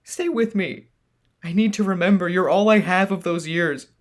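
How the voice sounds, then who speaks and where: A man voicing a young male hero who pleads and cries over a dying friend, his voice high and strained. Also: little pitch movement, a little fast, fairly bright tone, clear, resonant tone, natural voice. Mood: pleading.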